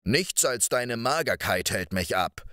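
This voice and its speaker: A man voicing a huge, gruff, man-eating giant in a storybook fairy tale, with a slow, menacing growl. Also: medium pitch, lively intonation, sharp tone, no echo, clean studio sound. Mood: angry.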